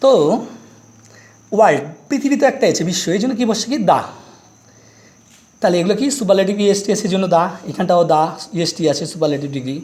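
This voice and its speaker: A middle-aged male teacher walks through a grammar lesson. His voice sits high for a man. He keeps asking short questions and answering them himself. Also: expressive, fast talker, long pauses, darkish tone. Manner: explains step by step with repeated quiz questions. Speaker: English teacher. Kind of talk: grammar lesson explaining articles.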